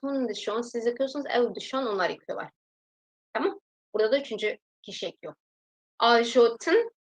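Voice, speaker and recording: A young adult woman giving a recorded language lesson, patiently explaining grammar and repeating example sentences slowly. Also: on the high side, rough recording. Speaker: language teacher.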